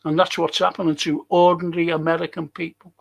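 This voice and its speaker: A fast-talking man from England with a Liverpool accent hosts a casual livestream, rambling over viewer comments and repeating phrases for emphasis. His voice is fairly high and gravelly, delivered flatly.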